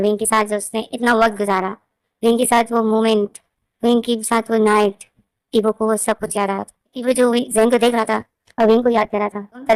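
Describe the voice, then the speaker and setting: A woman's voice: medium pitch, a little mellow, clear, resonant tone, no room sound. A woman casually narrating her own fan fiction story in a repetitive, conversational way.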